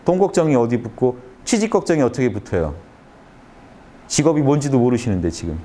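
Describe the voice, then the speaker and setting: A man giving a lecture to young adults in a conference room, talking listeners through a calming exercise with short repeated phrases and emphatic stresses. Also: a little fast, slight background noise. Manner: lively, emphatic delivery with sudden rises in pitch. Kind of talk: motivational humanities lecture.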